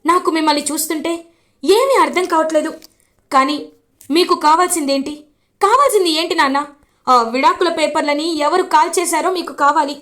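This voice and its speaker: A woman voicing a distraught young daughter who loudly pleads with her father. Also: high voice, moderate pace, pauses often. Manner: pleading, loud.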